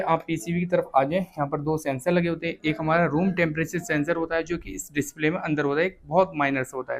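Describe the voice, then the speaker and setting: High-voiced man explaining a repair. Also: slight background noise. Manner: explains step by step, often checks in with "thik hai". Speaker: repair instructor. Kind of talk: hands-on repair tutorial.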